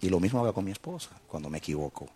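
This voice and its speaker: Middle-aged man preaching, raspy tone, lively and emphatic, climbs high when stressing a point. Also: very fast. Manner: impassioned, rising to emphatic peaks. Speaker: pastor. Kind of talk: sermon.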